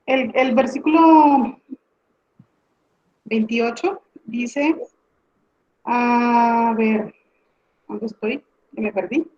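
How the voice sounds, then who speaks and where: Hesitant slow woman student on call. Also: on the high side, highs cut off. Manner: hesitant, searching her text. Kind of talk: class question.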